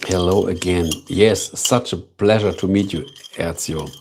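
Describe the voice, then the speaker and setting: A German-accented man hosts a relaxed live stream, chatting slowly and thoughtfully with viewers and repeating himself between fillers. His voice sits low with a steady tone, and there is background noise.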